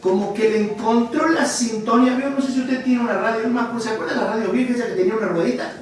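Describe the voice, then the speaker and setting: A man with a Cordoban Argentine accent preaches a sermon with lively storytelling, jokes for his listeners and sudden shouted lines. He is heard from a distance in a very echoey hall. Faint music sits behind his voice. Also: extremely high pitch, fast talker. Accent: Cordoban Argentine Spanish. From Córdoba, Argentina. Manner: animated storyteller, jokes with the congregation, bursts into shouts.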